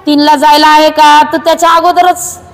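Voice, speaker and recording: A woman teaching young children a math game in a classroom, in a brisk way that coaxes them along. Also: high voice, little pitch movement, faint music behind. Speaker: primary school teacher. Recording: echoey classroom reverb.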